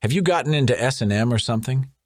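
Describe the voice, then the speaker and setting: A man voicing a middle-aged, beer-bellied mechanic who greets loudly and jeers. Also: medium pitch, animated, fast, voice pushed up. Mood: jeering. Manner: loud, jeering.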